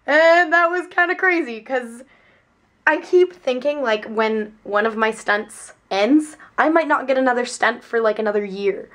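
Chatty young woman with a raspy voice. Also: a little high, measured pace, fairly bright tone. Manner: chatty, giggly, rambling with restarts. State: voice sounding raspy. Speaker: stunt performer vlogging. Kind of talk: casual vlog chat. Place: on a film set.

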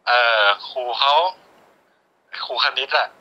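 A man's voice: takes it slowly, very noisy. A teenage boy chatting on a phone call, hesitant and stammering. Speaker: friend on the call. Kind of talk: casual phone chat.

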